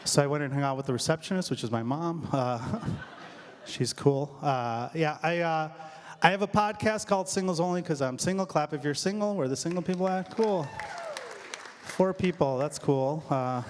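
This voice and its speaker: A man's voice: fairly high pitch, moderate pace, a little hiss or hum. A man with a Chicago-area American accent doing a stand-up set on a theater stage, chatting with the crowd and joking at his own expense. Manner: chatty crowd work, self-mocking. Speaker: stand-up comedian.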